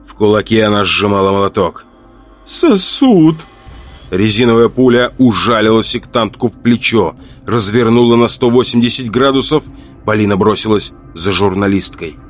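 A man reading a horror audiobook in a measured, dramatic narration. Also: lowish voice.

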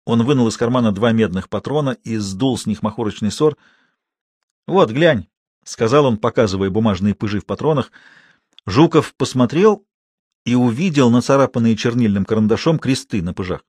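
A man reading a literary story aloud as narrator, measured and expressive. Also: mid-range voice, husky, dry recording, clean studio sound.

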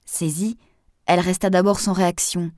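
Low-voiced woman reading a novel. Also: moderate pace, no room sound, studio quality. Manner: steady, even reading. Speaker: narrator. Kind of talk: audiobook narration.

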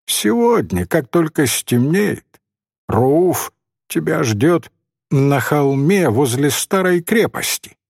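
A man's voice: sits high, sing-song, takes it slowly, vocal fry, dry recording, clean studio sound, voice pushed up, full character voice. A man reading a story voices a small, self-important boy messenger who talks in a stern, know-it-all way. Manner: pompous, sententious.

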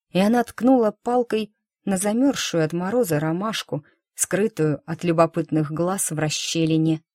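A woman narrating a story with a steady, expressive reading. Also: medium pitch, dry recording, studio quality.

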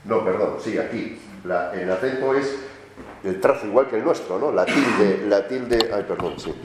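Low-voiced lecturer in an echoey room. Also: male voice, normal speed, background noise. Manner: explanatory, with frequent questioning tags to students. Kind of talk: classroom lecture. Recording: roomy echo of a lecture room.

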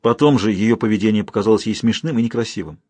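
Husky male audiobook narrator. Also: lowish voice, no echo. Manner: measured, expressive reading. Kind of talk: scripted literary narration.

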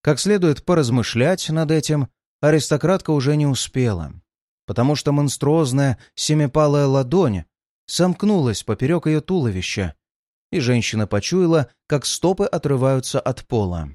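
A man narrating a dark fantasy audiobook in a measured, dramatic reading. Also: a little high, lively intonation, dry recording, studio quality.

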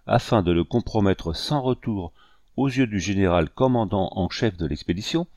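Low-voiced man narrating an audiobook. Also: darkish tone, no room sound, studio quality. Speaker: audiobook reader. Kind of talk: scripted narration.

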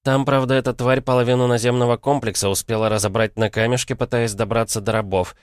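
A man's voice: medium pitch, level tone, fast, smooth, no room sound, studio quality, pitched above the performer's own voice, close to an everyday voice. A man doing a blunt, fierce warrior woman.

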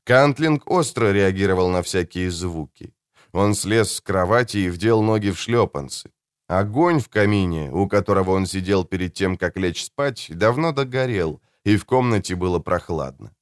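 A man reading a novel aloud as an audiobook narrator, measured and steady. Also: low-pitched, smooth, no room sound, clean studio sound. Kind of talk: scripted narration.

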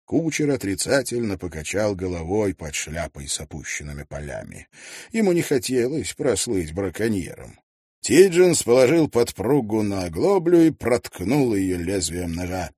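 A man reading a novel aloud as an audiobook narrator, in measured storytelling narration. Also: on the low side, big pitch swings, warm tone, slightly rough, dry recording, clean studio sound. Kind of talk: scripted narration.

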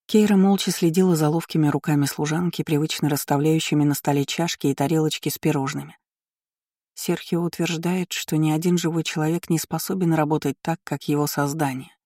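An audiobook narrator reading a novel in an even, measured storytelling voice into a close mic. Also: mid-range voice, no room sound. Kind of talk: scripted narration.

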